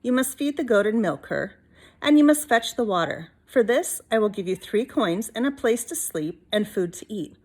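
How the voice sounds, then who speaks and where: A woman's voice: a little high, lively intonation, moderate pace, darkish tone. A woman reading a storybook as a stern old grandma witch who gives firm instructions and chants in a singsong way. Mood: firm, instructing.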